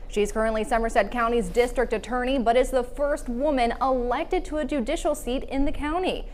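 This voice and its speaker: A woman co-anchoring a news broadcast and reading election results in a crisp, even way. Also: on the high side, slight background noise.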